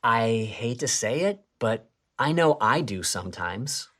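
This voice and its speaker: A woman with a low voice co-presents a scripted children's church lesson. Her pitch swings widely as she tells the story, turning from excited to hushed. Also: unhurried.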